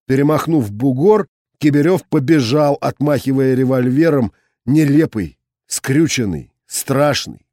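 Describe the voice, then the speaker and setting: A man's voice: medium pitch, no room sound, studio quality. Dramatic male audiobook narrator. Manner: dramatic, expressive reading. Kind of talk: scripted narration.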